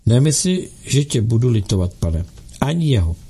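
A man's voice: mid-range voice, big pitch swings, dark tone, husky. A man voicing a bold, playful young noble girl who teases in a pert way. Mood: teasing. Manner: pert, teasing.

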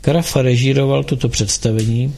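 A man reading a first-person audiobook narration in a slow, somber, measured way. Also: mid-range voice, steady tone, gravelly, darkish tone. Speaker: audiobook reader.

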